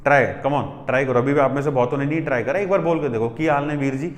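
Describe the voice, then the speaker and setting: A man's voice: medium pitch, rapid-fire. A man teaching IELTS speaking in a chatty classroom manner, mixing Hindi and English, with a Haryanvi-Punjabi Indian English accent and addressing students directly. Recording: echoey room with long reverb.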